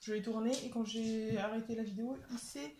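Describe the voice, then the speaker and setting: A woman's voice: fairly high pitch, fairly even intonation, fairly quick, warm tone, soft background music. A woman vlogger casually showing her craft kit collection, chatty and peppering her talk with little "hop" and "voilà" interjections. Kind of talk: casual show-and-tell vlog. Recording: echoey room with clear background noise.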